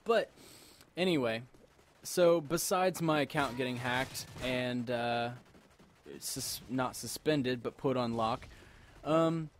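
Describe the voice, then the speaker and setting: A middle-pitched man gives casual gameplay commentary while tipsy from drink. He rambles and circles back over the same phrases. There is faint noise and ambience behind his voice. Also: takes it slowly. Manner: rambling, repeats himself. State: tipsy from alcohol. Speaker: gamer commentator.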